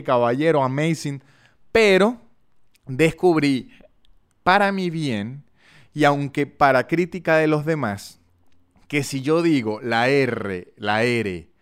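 A man with a Venezuelan Andean accent from San Cristóbal hosts a solo podcast, speaking directly to listeners in a chatty, jokey, self-mocking way and reading sponsor ads in his monologue. His voice is mid-range and clean.

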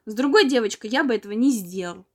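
A mischievous boy from an old storybook who loves to tease, smug and matter-of-fact, as a woman reads him. The voice stays fairly high with lively turns. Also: quick pace. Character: mischievous boy, fond of teasing.

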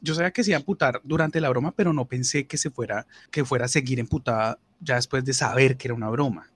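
A man's voice: quick pace, slightly rough. A young Colombian man animatedly telling a funny work story, swearing and mimicking people. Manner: animated, swearing, mimics others in higher voices. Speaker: podcast host. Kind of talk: casual storytelling.

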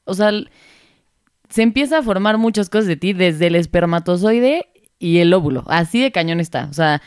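A woman's voice: fairly low pitch, expressive, moderate pace, darkish tone, clear, resonant tone, no echo, studio quality. A young woman with a Mexican Spanish accent co-hosting a casual podcast, rambling with many fillers and giggling. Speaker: podcast co-host. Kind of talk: casual chat.

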